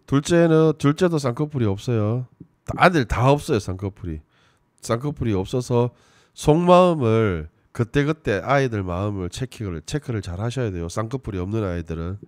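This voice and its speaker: A man giving casual commentary on a TV show, swinging between loud emphasis and low muttering. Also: lively intonation, normal speed, no room sound, clean studio sound.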